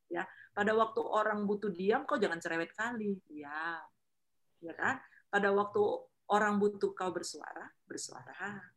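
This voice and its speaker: Lively woman giving faith talk. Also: medium pitch, normal speed. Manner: lively, acts out quoted voices, frequent tag questions.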